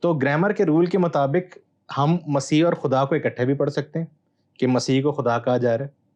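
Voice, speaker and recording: A man, a Bible scholar guest, explaining texts in a measured, teacherly way with hesitant pauses. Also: fairly high pitch, fairly even intonation, a little mellow, muffled recording. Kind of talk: explanatory interview answer.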